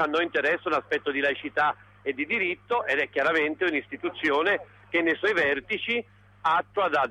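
A man's voice: on the high side, bright, forceful tone, poor audio. A young man heard over the phone, reporting live into a radio show from a street march, earnest, with restarts and long lists.

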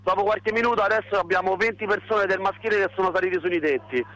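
A man's voice: sits high, fast, a bit bright, a little hiss or hum, rough recording. A man reporting by phone from an outdoor protest, talking casually with many fillers. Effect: heard over the phone. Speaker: activist calling in from a protest.

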